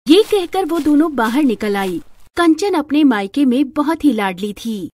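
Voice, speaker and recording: A woman narrating a scripted storybook tale in a plain, steady manner. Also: high voice, a little slow.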